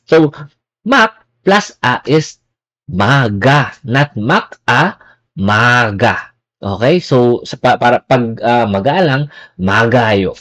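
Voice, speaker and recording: A man's voice: mid-range voice, no echo. A man teaching a pronunciation lesson in a casual, explanatory way, checking in with "okay" after each point. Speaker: language teacher.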